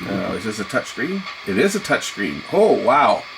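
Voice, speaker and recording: With a lowish, sing-song voice and some vocal fry, a man reviews a gadget hands-on at a moderate pace, thinking aloud as he tests its controls. The casual demo is recorded noisily, with radio static and ambient sound in the background.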